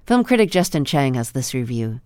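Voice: medium pitch, big pitch swings, brisk, darkish tone, clean tone, no echo, clean studio sound. A radio host reading a scripted introduction to a review.

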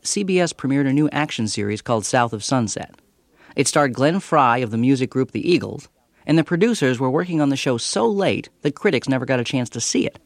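A man's voice: mid-range voice, dry recording. An American man reading a scripted radio review as a TV critic, with a wry manner.

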